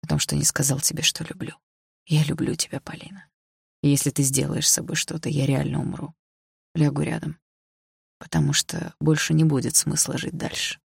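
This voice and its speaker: Woman narrator playing a young man: low, hushed, pleading, gravelly texture. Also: little pitch movement, brisk, no room sound, studio quality, exaggerated voice. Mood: tender, quiet. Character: young man, guarded, desperate, tender lover.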